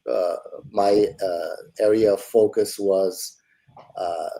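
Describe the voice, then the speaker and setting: A man in his forties from Los Angeles, answering interview questions in a relaxed way and thinking aloud with many fillers. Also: low voice, slow, low-quality recording. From Los Angeles, United States. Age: 40s. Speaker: guest, entrepreneur.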